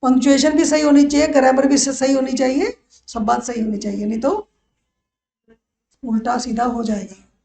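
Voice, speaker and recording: High-voiced woman teaching law. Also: steady tone, warm tone, echoey room. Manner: mixes Hindi and English, repeats key phrases, slow emphatic English lines. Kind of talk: classroom lecture.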